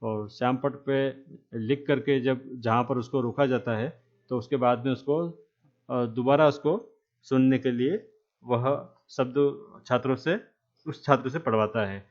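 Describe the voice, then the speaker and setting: A man lecturing trainee teachers, speaking slowly and repeating key terms, with frequent checks that the class is following. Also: medium pitch, fairly even intonation, highs cut off. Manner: asks "है ना?" to check understanding.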